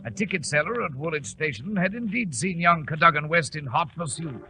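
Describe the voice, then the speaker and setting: An earnest, blustery British doctor and loyal sidekick in a 1940s radio drama. His voice is fairly high and extremely bright and forceful, over faint old recording noise. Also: expressive, brisk, exaggerated voice, rough recording. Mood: grave, recounting. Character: earnest, puzzled English gentleman doctor, detective's loyal companion.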